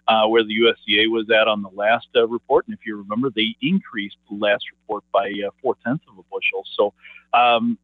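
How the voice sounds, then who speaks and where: A man speaking over the phone as a market analyst guest, halting and full of filler words and restarts. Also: on the low side, fairly even intonation, no room sound. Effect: heard over the phone. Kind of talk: phone interview on grain markets. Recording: tinny phone line, dry.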